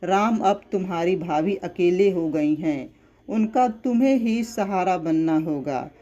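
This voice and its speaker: Narrator voicing a caring young friend, slow and calm, dull lo-fi sound. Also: mid-range voice, lightly acted. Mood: advising.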